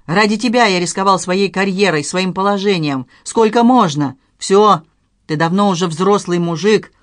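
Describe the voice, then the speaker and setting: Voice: medium pitch, moderate pace, no echo, natural voice. An audiobook narrator voicing a tired, stern middle-aged father, a mayor, who scolds with weary authority, in a dry recording. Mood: exasperated. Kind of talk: dramatized audiobook reading.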